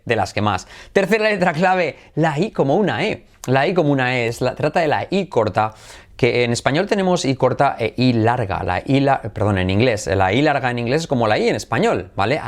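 Lively male teacher drilling words. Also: medium pitch, normal speed. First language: Spanish. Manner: animated, repeats drill words, snatches of song. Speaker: English pronunciation teacher. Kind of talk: energetic spoken lesson.

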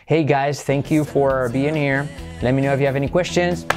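A middle-aged man from Spain with a Spanish accent, hosting a playful online English lesson and jumping high in pitch for emphasis. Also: normal speed, over music. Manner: lively, playful, swings high for emphasis and laughs. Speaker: English teacher, channel host.

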